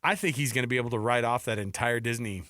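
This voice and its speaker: Hosting a sports talk show, a man aged forty or more banters casually, often repeating himself to drive a point home. He talks quickly in a medium-pitched, slightly bright voice, recorded cleanly in a studio with no room sound.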